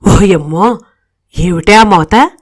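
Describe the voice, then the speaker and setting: A woman's voice: mid-range voice, a little slow, a bit bright, natural voice. A woman voicing a fussy, easily flustered old mother-in-law who frets and asks anxious questions in a storybook reading. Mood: alarmed.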